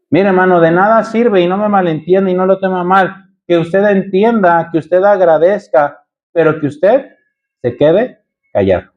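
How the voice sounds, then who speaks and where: A Mexican pastor, a man, leads his congregation through a sermon, calling them brothers and pushing them with rhetorical questions. His voice sits high. The recording is muffled and lo-fi, as if captured inside a church.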